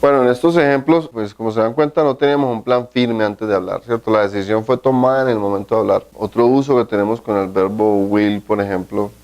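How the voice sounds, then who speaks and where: Guy teaching english grammar, kinda low voice, keeps checking you follow. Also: a little mellow, dull audio. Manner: slow, deliberate pronunciation of English examples; explanatory, with frequent "¿cierto?" checks. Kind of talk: recorded language lesson.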